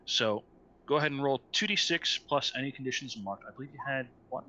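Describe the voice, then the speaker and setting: A man's voice: medium pitch, brisk, sharp tone. A man acting as game master, patiently explaining rules with many fillers over an online call. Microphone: online call mic.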